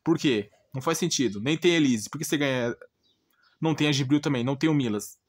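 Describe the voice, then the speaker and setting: A gaming channel host with a Brazilian Portuguese accent rants bluntly and informally in a fast, medium-pitched male voice. Exasperated, he keeps repeating himself and firing off rhetorical questions.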